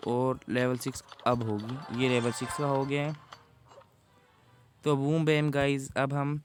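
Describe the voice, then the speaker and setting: A man's voice: medium pitch, flat delivery, measured pace, soft background music. A man giving chatty, casual gameplay commentary to his viewers. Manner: chatty, addresses viewers as guys. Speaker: gaming YouTuber.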